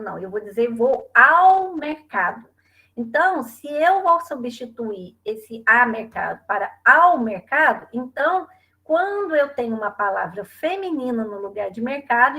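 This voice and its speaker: A middle-aged woman with a Brazilian Portuguese accent gives an online grammar lesson. Her voice sits a little high, and she explains step by step. She often tags her sentences with a question to keep her students with her. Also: fairly bright tone. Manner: explanatory, frequent tag questions. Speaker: teacher. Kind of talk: online class lecture.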